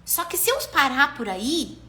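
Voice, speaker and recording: A Brazilian woman in her thirties talks through parenting on a casual live stream. Her voice sits high and swings widely, animated and expressive. Her tone is bright and clear, and she acts out the lines of parents and children as she talks. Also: measured pace. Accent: Brazilian Portuguese.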